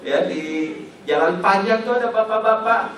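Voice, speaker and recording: A male preacher delivers a lively sermon full of humorous stories and acted-out scenes. His voice sits a little high. The recording carries heavy hall echo from a distant mic, with faint ambience underneath. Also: moderate pace, a little hiss or hum. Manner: storytelling, joking, acts out quotes. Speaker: Islamic preacher. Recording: echoey hall, voice from far off.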